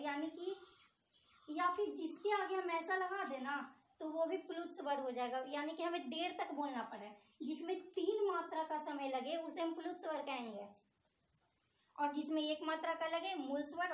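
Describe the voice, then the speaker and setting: A woman teaches a grammar lesson in a very high voice, stopping often to quiz her students and then giving the answer herself. Her voice rings around a bare, echoey room. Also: slight background noise. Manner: asks the class questions and answers them herself.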